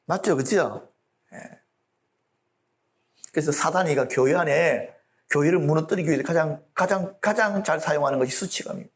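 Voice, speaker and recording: A man's voice: a little high, normal speed, long pauses. A male pastor preaching a sermon in a blunt, colloquial way and often asking the audience for agreement.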